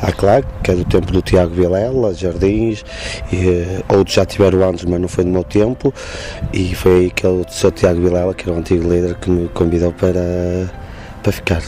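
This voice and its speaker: A man with a northern Portuguese accent chats in an interview. His voice is low and his phrases come haltingly, with music clearly playing behind. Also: level tone, warm tone. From Guimarães, northern Portugal. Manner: halting, loosely strung phrases. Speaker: football supporters' group leader. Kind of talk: casual interview talk.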